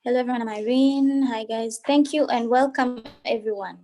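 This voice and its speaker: A woman's voice: on the high side, moderate pace, dark tone. A woman from Tanzania, hosting an online meeting and welcoming people as they join the video call. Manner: reads out participants' chat greetings.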